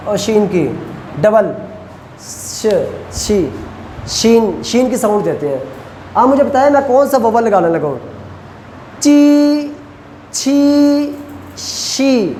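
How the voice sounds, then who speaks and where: A male lecturer who teaches Chinese pronunciation, repeats syllables slowly and quizzes his students. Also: extremely high pitch, darkish tone. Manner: asks students questions. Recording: echoey room, faint ambient noise.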